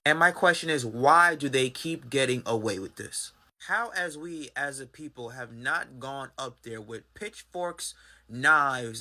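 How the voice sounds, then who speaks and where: A man's voice: fairly high pitch, bright, forceful tone. A man giving an indignant, profane rant full of rhetorical questions. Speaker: social media commentator. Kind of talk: angry commentary rant.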